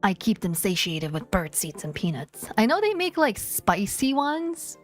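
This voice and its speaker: A woman's voice: medium pitch, big pitch swings, measured pace, faint music behind. A woman streamer chatting playfully with her viewers, rambling and joking. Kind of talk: casual live-stream chat.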